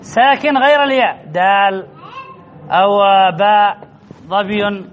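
A man's voice: high-pitched, slow. A man teaching a grammar class, asking his students questions and answering them himself, often repeating key words. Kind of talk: classroom lesson on Arabic grammar. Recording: dull lo-fi recording with faint noise.

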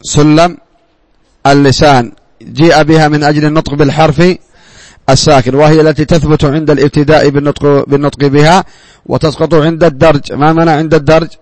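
A man's voice: fairly high pitch, little pitch movement, quick pace, a little mellow, no room sound. A man teaching a class, who asks his students questions, answers them himself and repeats words for emphasis. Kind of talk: classroom grammar lesson.

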